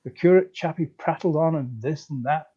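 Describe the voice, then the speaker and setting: Man reading a comic story aloud, mellow. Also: on the high side, moderate pace, slightly rough. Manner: breezy, chatty first-person storytelling. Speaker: story reader. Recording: slightly dull lo-fi recording.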